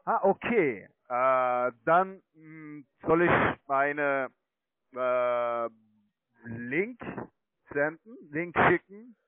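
Over a tinny narrowband phone line, a man with a somewhat high, animated voice speaks very slowly in a clean, echo-free tone. He is a non-native speaker, not German by first language, who sells online trading accounts by phone and stumbles through his pitch in fragmented phrases.

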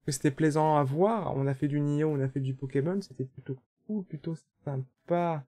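A young French man streaming a video game and chatting casually, relaxed, with fillers and the odd swear word. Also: fairly high pitch, normal speed. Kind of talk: casual chat.

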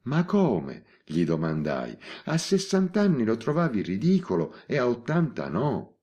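A serene old woman in her eighties, voiced by a male audiobook reader, speaking in a raised, bright register. She stays composed and matter-of-fact, with a lively rise and fall. Her pace is unhurried and measured. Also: medium pitch, voice pushed up. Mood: recounting. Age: 80s. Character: elderly spinster woman, calm and unrepentant. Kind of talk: audiobook character reading.

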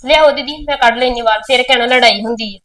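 A woman's voice: a little high, quick pace, fairly bright tone, natural voice. A woman playing a sulky, resentful younger sister who argues with her elder sister. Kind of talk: village short film acting.

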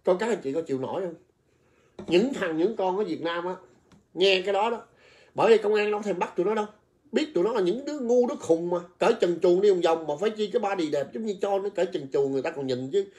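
A man's voice: high-pitched, lively intonation, fast talker, darkish tone. A man ranting on a livestream, coarse and insulting, repeating himself as he heaps scorn on his targets. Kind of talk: heated livestream rant.

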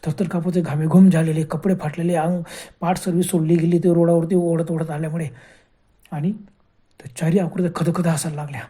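Woman spinning a ghost story, husky mellow voice, keeps repeating for drama. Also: low-pitched, level tone, fairly quick. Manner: dramatic, repetitive retelling. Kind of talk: horror story narration.

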